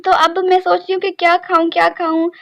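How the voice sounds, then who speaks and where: A woman's voice: extremely high pitch, level tone, brisk, vocal fry, a bit bright. A young woman, narrating her day in a chatty, rambling vlog full of little fillers. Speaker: vlogger. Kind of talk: casual daily-life vlog narration.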